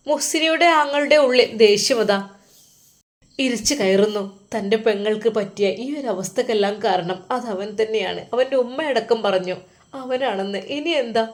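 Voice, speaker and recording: A woman with a Malappuram Malayalam accent narrating a story dramatically, with suspenseful pauses. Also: medium pitch.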